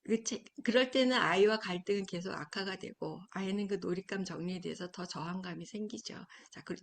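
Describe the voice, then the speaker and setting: Woman parenting coach, calm and explanatory, mid-pitched, soft near-whispers on key points. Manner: acts out child and parent lines. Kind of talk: parenting lecture.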